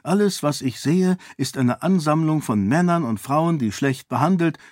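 A man's voice: a little high, animated, normal speed, a little mellow, no echo, clean studio sound, pitched above the performer's own voice, natural voice. A man voicing a resolute young noblewoman who talks earnestly and persuasively in an audiobook. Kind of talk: audiobook character voice.

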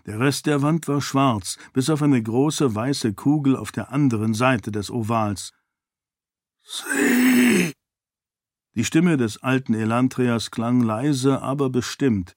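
Calm male audiobook narrator, dry sound. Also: mid-range voice, dry recording. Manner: calm, measured reading with lightly voiced dialogue. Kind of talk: scripted narration.

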